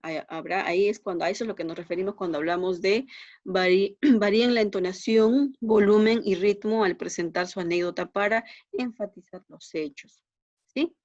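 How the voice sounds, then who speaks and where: In a mid-range, slightly mellow voice at a moderate pace, a woman gives online class instruction, staying patient and often asking brief questions to confirm her students understand. The audio is dry, muffled and lo-fi.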